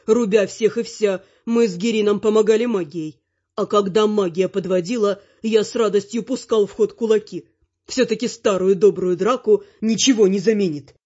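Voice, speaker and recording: A woman narrating a fantasy audiobook with even, expressive storytelling. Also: medium pitch, muffled recording.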